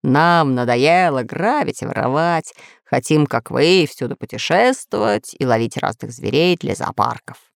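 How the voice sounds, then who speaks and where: A woman voicing a gruff, grumbling red-bearded pirate man in a lowered voice. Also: animated, unhurried, no room sound, clean studio sound, heavily acted. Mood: solemn.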